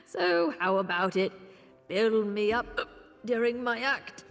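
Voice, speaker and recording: Her voice on the high side and a bit bright, an actress portrays a video game's female elf circus performer who is tipsy, flirtatious and boastful. The delivery is teasing, playful, slow and languid, backed by game music and slight hall reverb.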